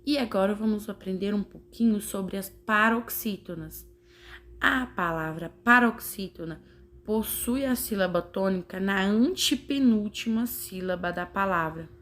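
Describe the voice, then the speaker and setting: A woman teacher, explaining a grammar lesson slowly and carefully, sounding out syllables. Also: medium pitch, fairly bright tone. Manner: slow, carefully spelling out syllables. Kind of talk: slow classroom explanation.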